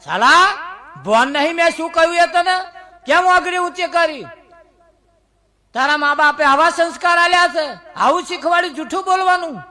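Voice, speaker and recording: A man playing an angry male schoolteacher, firing sharp scolding questions at a boy. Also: very high voice, moderate pace, voice pushed up, exaggerated voice.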